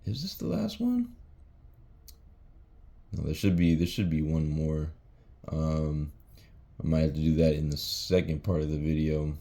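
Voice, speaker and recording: Very deep, flat-voiced young man. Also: normal speed. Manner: laid-back, many fillers like um and you know. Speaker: rapper explaining his own lyrics. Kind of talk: casual lyric breakdown.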